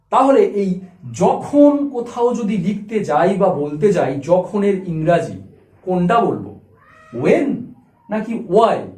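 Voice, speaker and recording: A man teaching an English grammar lesson, explaining slowly and repeating and spelling out words for his learners. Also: high-pitched, a little mellow, echoey room.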